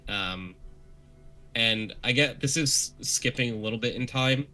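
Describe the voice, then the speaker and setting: A man's voice: mid-range voice, a little slow, sharp tone. A man giving a rambling, casual recap of a tabletop game session, with many fillers.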